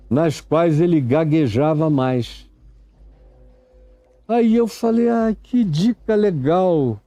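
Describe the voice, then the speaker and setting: Slow, dark-voiced older Brazilian preacher. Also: male voice, fairly high pitch, no room sound. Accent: Brazilian Portuguese. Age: 70s. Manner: slow, unhurried, reminiscing, acts out stammering syllables. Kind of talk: reflective sermon storytelling.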